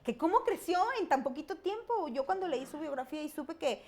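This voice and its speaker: A middle-aged woman, talking reflectively as a guest expert, with pauses and fillers. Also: high voice, expressive, a little mellow. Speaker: guest expert on emotions and fear. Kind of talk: conversational explaining.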